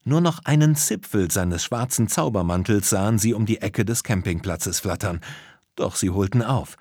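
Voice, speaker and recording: A man narrating a children's audio story in a lively storytelling manner. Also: on the low side, moderate pace, breathy edge, no echo, clean studio sound.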